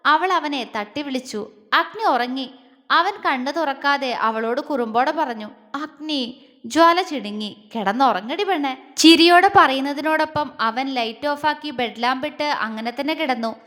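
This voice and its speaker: High-voiced woman storyteller with reverb. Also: normal speed, a bit bright. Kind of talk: scripted romance narration.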